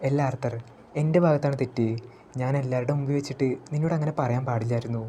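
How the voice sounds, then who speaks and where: A man voicing a shy, warm young woman, an elf princess, in a storybook recap, keeping close to his own voice. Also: mid-range voice, fairly even intonation, quick pace, slight background noise, natural voice. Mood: tender.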